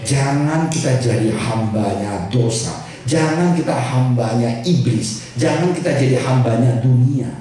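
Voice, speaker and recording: An older man preaching a lively, joking sermon to a church congregation, slipping in English and Chinese words. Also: mid-range voice, measured pace, few pauses. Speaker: pastor. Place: church hall. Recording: echoey hall from far off with congregation. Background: congregation laughing.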